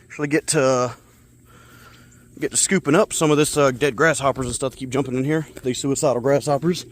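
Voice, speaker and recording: A man's voice: mid-range voice, fairly even intonation, brisk, slight background noise. A man chatting casually as he tends backyard fish ponds outdoors, rambling and narrating each chore. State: out of breath. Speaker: pet keeper vlogger. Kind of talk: casual outdoor pet vlog. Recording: loud backing music over the voice. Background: hip hop music.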